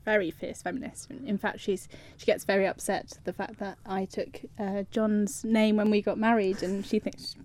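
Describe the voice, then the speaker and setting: A woman's voice: mid-range voice, level tone, normal speed, few pauses, darkish tone. A middle-aged woman with a southern English home counties accent, chatting as a guest in a radio interview. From Surrey, England. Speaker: studio guest.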